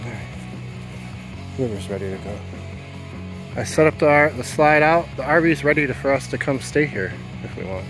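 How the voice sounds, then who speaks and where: Male vlogger, middle-aged, casual homesteader chat, mid pitch, handheld phone outdoors, music bed. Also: animated, moderate pace, pauses often, rough recording. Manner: plainspoken, thinks aloud while explaining work. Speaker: off-grid homesteader and sailor. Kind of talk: casual outdoor vlog narration. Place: outdoors in woods and at a marina. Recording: music playing under the voice.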